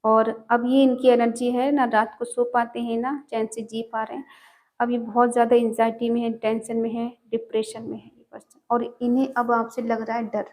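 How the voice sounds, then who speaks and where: A woman's voice: fairly high pitch, little pitch movement, moderate pace, darkish tone. A woman giving a collective tarot love reading in an earnest, repetitive way, often checking in with the listener. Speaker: tarot reader.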